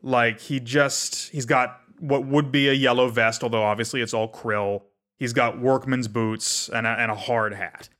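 A man's voice: medium pitch, fairly even intonation, unhurried, fairly bright tone. A man narrating a tabletop game as game master in a casual, descriptive storytelling manner. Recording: noisy recording.

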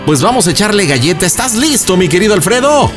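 Lively Mexican male radio host over music. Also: high voice, quick pace. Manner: playful, slangy. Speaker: host of a prank-call radio show. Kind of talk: casual radio banter. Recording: music bed behind voice.

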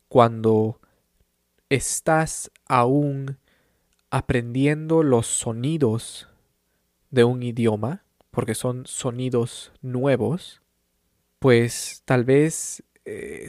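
A Peruvian language teacher gives a slow, clear teaching monologue, unhurried and deliberate, letting each phrase land before moving on. Calm, reassuring, and encouraging at medium pitch, he sometimes repeats a point with a brief English gloss. The recording is close and dry, with no room sound.

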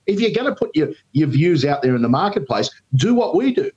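Heard over a dull lo-fi remote line, this Australian man, a radio talkback host, is being interviewed and delivers forceful opinionated commentary. His voice is very animated, brisk and a little mellow, full of ums, jumping in pitch when he turns indignant.

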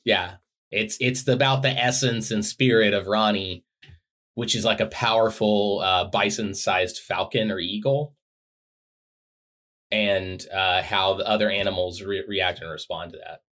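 Low-voiced joking man, podcast co-host. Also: steady tone, measured pace, a bit bright. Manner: joking, playfully teasing. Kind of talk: casual chat.

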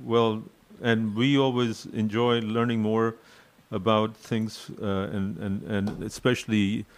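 Male radio host, casual and conversational with a halting, repetitive delivery, chatting with callers. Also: on the low side, little pitch movement. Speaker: radio talk show host. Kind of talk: casual live radio call-in chat.

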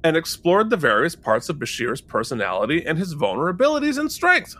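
A man with a high, bright voice co-hosts a relaxed review podcast. His pitch swings widely as he jokes, reads out comments and laughs often. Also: fairly quick. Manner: animated and jokey, laughing often. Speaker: podcast co-host. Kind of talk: casual chat.

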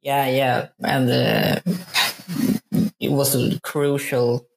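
A man's voice: mid-range voice, level tone, extremely slow, gravelly, low-quality recording. A man from Sweden, a journalist guest on a football podcast, speaking hesitantly with many fillers. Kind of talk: casual football podcast talk.

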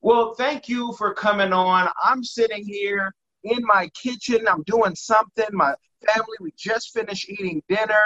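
A man hosts an interview from his home kitchen, talking eagerly at normal speed, rambling and repeating words in a casual chat. His voice is high and sharp, with the highs cut off.

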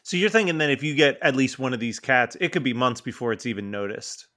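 A man's voice: mid-range voice, fast, bright, forceful tone. A man co-hosting a podcast, chatting casually, teasing the others and laughing at his own jokes. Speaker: podcast co-host. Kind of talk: casual chat.

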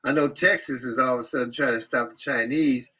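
Bright husky guy ranting loose in a group talk, cussing a lot. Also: mid-range voice, brisk, poor audio. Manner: blunt, profane, animated ranting. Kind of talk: casual group chat.

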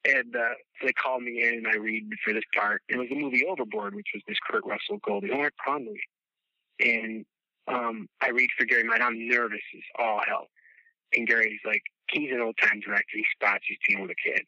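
Gravelly, bright-voiced rambling storyteller man. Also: mid-range voice, a little fast, no echo. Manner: rambling, animated, swears casually, laughs at own stories. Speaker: podcast guest, former child actor. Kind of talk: casual storytelling chat. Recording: dull, dry lo-fi sound.

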